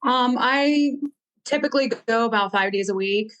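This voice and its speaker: A woman's voice: on the high side, normal speed, fairly bright tone, low-quality recording. A woman in her thirties, an upbeat and chatty guest on a casual panel. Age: 30s.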